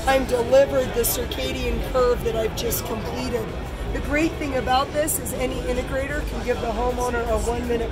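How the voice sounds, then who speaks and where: A middle-aged woman giving a trade show product pitch, explaining it step by step as a demonstrator. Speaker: company representative demonstrating a product. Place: large busy trade show hall booth. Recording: busy crowd noise and music behind.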